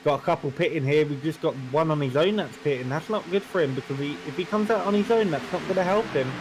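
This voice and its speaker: A man as co-commentator on a sim race, giving relaxed, easygoing analysis. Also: fairly high pitch, fast, noisy background. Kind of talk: sim racing colour commentary.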